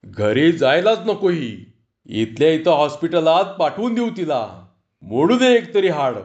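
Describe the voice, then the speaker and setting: A man voicing a gruff, bullying middle-aged police officer who scolds in rough rustic speech, in a storytelling reading. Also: fairly high pitch, big pitch swings, unhurried, a little mellow. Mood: harsh scolding. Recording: dull lo-fi recording.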